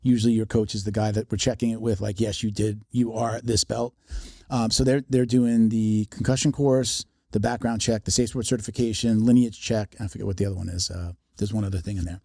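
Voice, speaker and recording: A man's voice: on the low side, flat delivery, a little fast, creaky, warm tone, no echo, clean studio sound. Rambling man hosting a podcast. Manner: rambling, many restarts and fillers. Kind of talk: casual podcast conversation.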